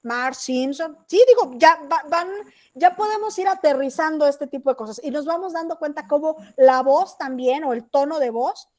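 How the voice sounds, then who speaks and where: High-voiced Mexican woman teaching on a video call. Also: normal speed, darkish tone. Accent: Mexican Spanish. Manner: chatty, asks checking questions. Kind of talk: online class lecture.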